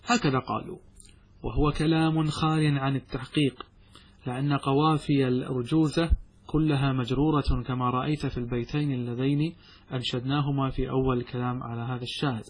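A man teaching a classical Arabic grammar lesson, who explains by asking and answering his own questions and recites verses slowly. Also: medium pitch, fairly even intonation, husky.

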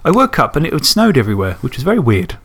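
A man's voice: on the high side, wildly swooping pitch, quick pace, fairly bright tone, breathy edge. A man co-hosting a podcast in casual, rambling, self-mocking chat. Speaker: podcast co-host.

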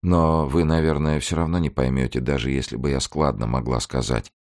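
A man voicing an elderly grandmother who pleads in a creaky, flat and dull voice. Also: a bass voice, a little fast. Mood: flat pleading.

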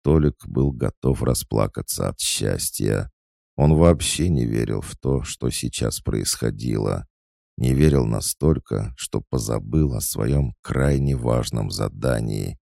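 Male audiobook narrator, steady reading, dark and dry, extremely low. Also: a little slow, gravelly, no room sound.

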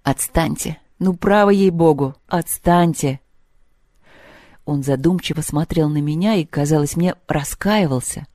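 Woman audiobook narrator, dark-toned, dry close mic. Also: sits low, moderate pace, few pauses, no room sound. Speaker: audiobook reader. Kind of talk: scripted literary narration.

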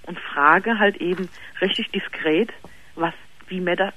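A woman in her twenties calling into a radio talk show by telephone, telling her story haltingly with many fillers and restarts. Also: lowish voice, sharp tone, muffled recording. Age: 20s. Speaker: caller. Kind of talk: radio call-in conversation.

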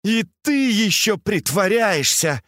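A man reading aloud, voicing an imperious, sharp-tongued noblewoman who scolds and commands her servants. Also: low voice, sing-song, measured pace, no room sound, studio quality, voice pushed up. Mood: furious.

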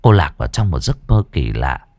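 A man's voice: a bass voice, very animated, moderate pace, creaky, darkish tone, dry recording, studio quality. A man narrating a ghost story with a dramatic delivery.

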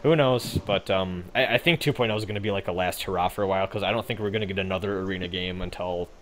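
A man's voice: low-pitched, quick pace, a bit bright, a little hiss or hum. A young man co-hosting a gaming podcast, chatting casually in a rambling, laid-back way with frequent swearing and fillers. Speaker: podcast co-host.

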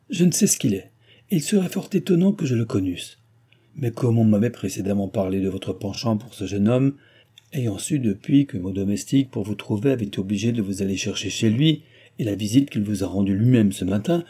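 Figure: arrogant former guardian voiced by a man, proud, preachy, dark husky voice. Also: lowish voice, animated, fairly quick. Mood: haughty, lecturing. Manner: haughty, lecturing.

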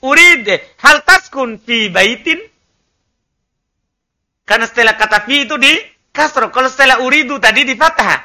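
A man's voice: extremely high pitch, normal speed, pauses often, pushed and bright. A man teaching an Arabic class, drilling students and correcting their pronunciation. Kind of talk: classroom language lesson.

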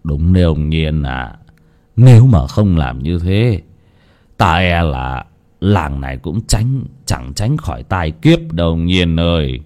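A man doing a slow, solemn old village elder. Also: very deep voice, lively intonation, mellow, husky, pitched below the performer's own voice, heavily acted. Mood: grave. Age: older. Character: frightened old male village elder, grave.

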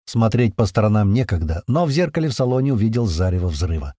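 A man reads a first-person action story in a tense, lively telling. His pitch rises and falls a lot, and his mid-pitched voice sits up close in a dry sound. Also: fast, no echo. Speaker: narrator. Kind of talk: first-person audiobook narration.

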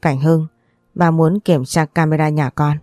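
Woman reading as a calm middle-aged father. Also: low-pitched, a little slow, dry recording, studio quality.

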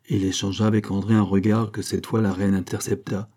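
A male narrator reading a classic novel aloud at an unhurried, measured pace. His voice is low, warm and mellow, with a soft husky grain. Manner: measured, calm storytelling. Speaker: audiobook narrator. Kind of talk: literary audiobook narration.

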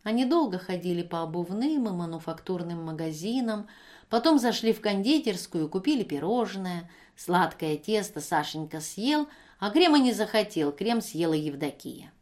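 A woman reading a novel aloud as narrator, in measured, steady storytelling. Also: fairly low pitch.

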